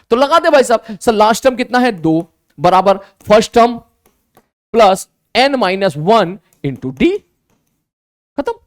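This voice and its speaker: A male teacher giving an online maths lesson in a lively way, slowing down to spell out terms and answering his own questions in his students' voices. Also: high-pitched, no room sound, studio quality.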